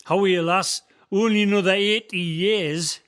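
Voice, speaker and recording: A Northumbrian actor portrays Billy, an old man from the area leading a visitor through the valley's history for a community radio play. His high-sitting voice is smooth and fairly bright, with a steady tone at normal speed. He narrates like a folksy storyteller, using broad dialect words.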